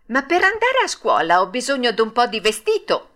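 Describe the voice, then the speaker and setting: A lively wooden puppet boy chatters in a high, eager voice, put on by a woman reading a storybook aloud. His lines leap up and down with excitement. The reading stays clear and close. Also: normal speed.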